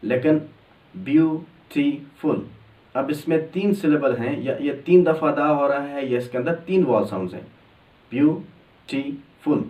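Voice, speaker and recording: A man explaining English grammar step by step, drawing out example words slowly. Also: mid-range voice, dull audio. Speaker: English teacher. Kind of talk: grammar lesson. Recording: echoey room, distant mic.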